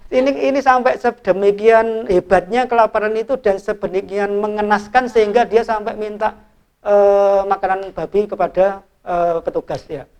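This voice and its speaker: A middle-aged man, an evangelist, retelling a Bible parable in an informal, animated way as he draws lessons from it. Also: high voice, moderate pace, clean tone. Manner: animated storyteller, informal, restarts and fillers. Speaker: evangelist and ministry leader. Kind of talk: sermon-style Bible storytelling in a discussion.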